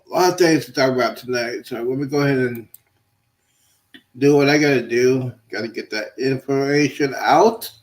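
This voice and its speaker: Man, livestream host, casual chatty talk, repetitive, slightly hoarse. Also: mid-range voice, normal speed. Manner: loose, chatty, repeats himself. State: voice going hoarse.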